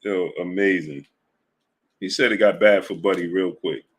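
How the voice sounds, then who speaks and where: A man's voice: low-pitched, moderate pace, breathy edge. A man hosting a sports live stream, chatting casually, reading out super chats and retelling stories with lots of laughter. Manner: animated storytelling, reads super chats, laughs often. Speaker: sports channel host.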